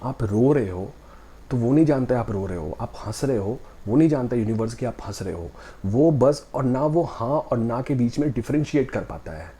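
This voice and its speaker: A man's voice: medium pitch, animated, moderate pace, mellow, slight background noise. A man giving a motivational talk, speaking directly and conversationally to the viewer and asking rhetorical questions.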